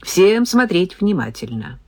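Curt commanding police major read by a woman, low and dry. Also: very animated, measured pace, mellow, no room sound. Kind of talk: audiobook character reading.

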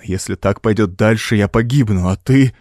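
A man's voice: on the low side, moderate pace, a little mellow, no echo, studio quality, natural voice. A man voicing an anguished young husband who speaks grimly, his voice trembling. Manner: grim, trembling.

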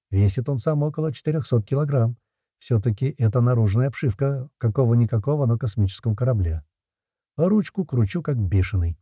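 A man narrating a first-person audiobook in a dark, mellow, husky voice. The sound is close and dry. His telling is gritty and tense. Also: mid-range voice, no echo.

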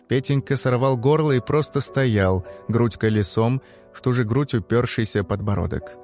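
A man giving a scripted, grim, measured narration of a dark story. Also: medium pitch. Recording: faint music under the voice.

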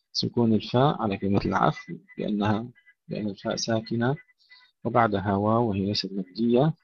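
A man with a gravelly, husky voice teaches recitation rules, intoning short verse phrases slowly and then explaining each sound carefully. The recording is dry and dull, like a lo-fi close mic. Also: on the low side, no echo. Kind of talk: tajweed lesson.

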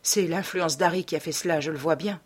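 A woman's voice: low voice, fairly quick, slightly rough. A woman reading the part of a sorrowful, reproachful male painter in an audiobook.

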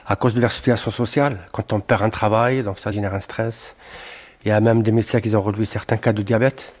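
A man who works as a health mediator, calmly explaining his work in an interview, with hesitant fillers. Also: fairly low pitch. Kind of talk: documentary interview.

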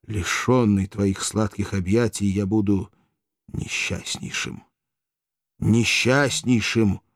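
A man voicing a despairing young gladiator who speaks haltingly, his voice broken by grief. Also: lowish voice, steady tone, darkish tone, no echo, studio quality.

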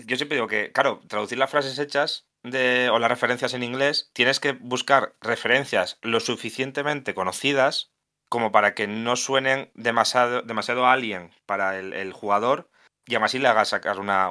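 As a podcast guest, this Spanish video game translator from Asturias speaks at a moderate pace in a mid-range voice that sounds pushed and bright. The chat is casual, and he reasons aloud with many false starts and self-corrections.

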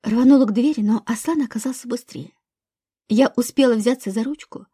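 Husky-voiced woman narrating an audiobook. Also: a little high, warm tone, dry recording, studio quality. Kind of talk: first-person audiobook narration.

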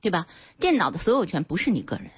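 A woman lawyer as a guest on a radio talk show, explaining points in an animated way and acting out everyday examples. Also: lowish voice, fast talker, husky, no room sound. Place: radio studio. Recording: dull radio broadcast sound.

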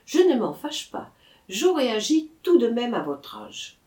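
A woman's voice: a little high, big pitch swings, measured pace, mellow, pitched above the performer's own voice. A woman reader voicing a kindly middle-aged ironmaster who talks in a genial, plain-spoken way, in an echoey room.

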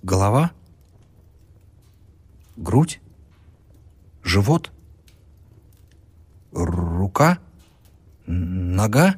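A young student doctor speaks calmly and politely, firm when pressed, as a male narrator plays him. The tone is low and husky, a touch higher than the narration. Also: drawn-out words, long pauses, dry recording, heavily acted. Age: young adult.

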